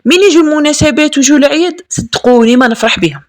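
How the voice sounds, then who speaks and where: A young woman with an Algerian accent, telling a personal story in a lively, emphatic way and repeating words for stress. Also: high voice, racing. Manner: lively and emphatic, with frequent repetitions. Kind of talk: casual spoken storytelling.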